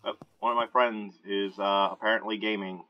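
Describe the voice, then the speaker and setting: A man giving casual, excitable commentary while he plays a shooting game, talking to himself into a close mic. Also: on the low side, moderate pace, dull audio. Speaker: gamer. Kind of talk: gameplay commentary. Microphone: desk mic held close. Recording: noisy home recording.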